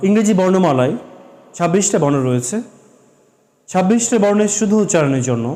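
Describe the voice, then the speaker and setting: A man with a Bengali accent teaching pronunciation, slowly spelling out and repeating sounds and mixing in English phrases. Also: high-pitched, darkish tone. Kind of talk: classroom-style lesson.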